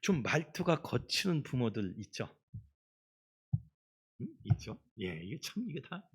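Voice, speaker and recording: A middle-aged man preaching a children's Sunday sermon as pastor, in an animated storytelling manner. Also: medium pitch, measured pace, breathy edge. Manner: animated storytelling, acts out quoted voices. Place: church sanctuary.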